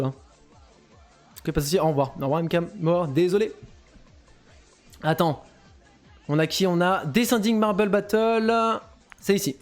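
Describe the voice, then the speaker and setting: Male streamer-caster, high voice, hype race calls, faint music underneath. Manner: excitable, quick swings between hype and asides to chat. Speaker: host of a live-streamed marble race tournament. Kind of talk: live race commentary.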